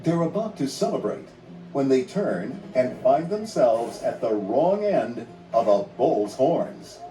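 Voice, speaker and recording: A male narrator reads a children's read-along story in a dramatic, scripted storytelling style. His voice is medium in pitch, mellow, very animated and slow. The sound is roomy and distant, sitting under music.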